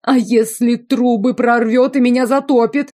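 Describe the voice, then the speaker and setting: A woman voicing a whiny, cowardly young nobleman from a fantasy audiobook, whining in shrill protests. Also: steady tone, moderate pace, dark tone, close to an everyday voice.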